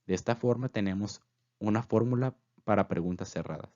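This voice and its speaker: Low-voiced man teaching German slowly. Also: a little mellow, muffled recording. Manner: slow, careful repetition of example phrases; filler "pues" between phrases. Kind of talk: voice-over language lesson.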